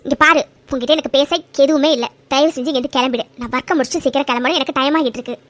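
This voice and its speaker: A woman's voice: high-pitched, fairly even intonation, rapid-fire, a bit bright, dry recording. A woman voicing a young female office worker in a cartoon, stern and dismissive when confronted. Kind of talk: cartoon voice acting.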